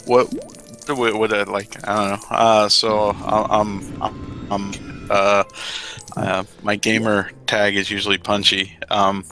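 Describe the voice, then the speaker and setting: A man awkwardly and shyly introducing himself on a casual gaming podcast, halting as he goes. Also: on the low side, flat delivery, pushed and bright. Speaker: podcast co-host. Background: game music.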